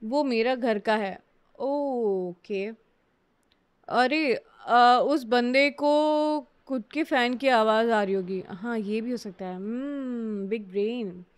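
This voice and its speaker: A woman's voice: on the high side, takes it slowly, clear, resonant tone. A woman with an Indian accent chatting casually on a live stream, greeting and answering her viewers while switching between Hindi and English, in a room at home with a fan running.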